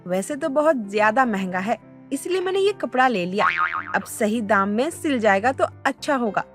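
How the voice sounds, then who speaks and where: A woman's voice: a little high, animated, moderate pace, fairly bright tone, faint music behind. Woman voicing a haggling hot-tempered aunty. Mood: explaining. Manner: haggling, indignant. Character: haggling middle-aged mother, quick-tempered.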